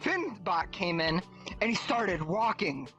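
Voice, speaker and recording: An excitable speaker spinning a story over voice chat in a VR world, tone bright and forceful. They swear freely and keep asking "right?". Faint music sits in the background. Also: mid-range voice, slow, dull audio. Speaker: visitor telling a story. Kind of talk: animated storytelling.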